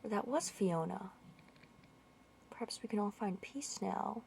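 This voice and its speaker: A woman giving casual gameplay commentary, thinking aloud and puzzling over where to go. Her voice sits at mid pitch with a gravelly fry. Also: unhurried, darkish tone, slight background noise. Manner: muttering, thinking aloud, confused questions. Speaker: gamer playing through a walkthrough.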